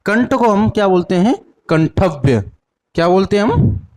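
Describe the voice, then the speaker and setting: A young man teaching a lesson with a north Indian Hindi accent. He asks each question, answers it himself, repeats the answer, and sounds out syllables slowly one by one. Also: sits high, a little mellow. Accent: Hindi-speaking north Indian. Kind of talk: classroom lesson with call-and-response drills.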